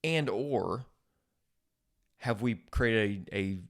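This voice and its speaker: A man co-hosting a podcast in relaxed conversation with his co-host. He talks emphatically, stacking words and restarting phrases as he works through a point. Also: on the low side, extremely slow. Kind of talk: casual chat.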